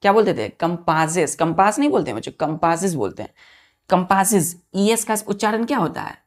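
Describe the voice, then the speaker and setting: A woman's fairly low, sing-song voice moves briskly through an online English grammar lesson aimed at exam preparation. Key words get repeated and spelled out letter by letter, and she keeps quizzing the students she calls children.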